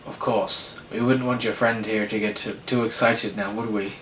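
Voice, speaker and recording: A smug hotel receptionist drawls slowly with a slight Irish twang, as a man reads him out. His low voice echoes in a roomy space over a faint rumble. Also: fairly even intonation, a bit bright, recorded from a distance, lightly acted. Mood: sly.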